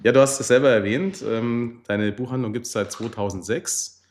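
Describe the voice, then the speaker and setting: A man's voice: mid-range voice, normal speed, darkish tone. A man hosting a local podcast interview, asking friendly, slightly formal questions. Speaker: podcast host.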